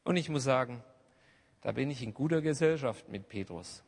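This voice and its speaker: A man's voice: medium pitch, lively intonation, moderate pace. Man preaching with big swings in volume. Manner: swings between hushed asides and loud emphatic outbursts. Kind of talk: sermon. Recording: long hall reverb.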